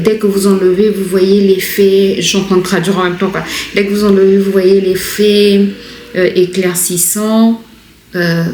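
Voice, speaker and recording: A woman's voice: mid-range voice, darkish tone. A woman vlogging casually at home, talking in a chatty, hesitant way with many fillers and restarts. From Congo. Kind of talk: casual vlog chat. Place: room at home. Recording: echoey home room, faint background noise.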